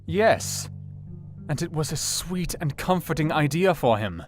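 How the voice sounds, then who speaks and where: An actor playing a melancholy, earnest gentleman doctor, narrating his diary in a measured, formal way for an audio drama. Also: on the high side, lively intonation. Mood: puzzled, indignant. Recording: plucked guitar music behind the voice.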